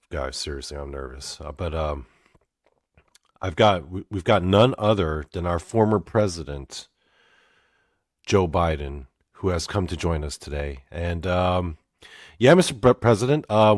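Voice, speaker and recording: Host, young guy from canada, deep voice, dry close sound, halting and awkward. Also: no room sound. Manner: halting, awkward, heavy on fillers. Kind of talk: comedy interview show.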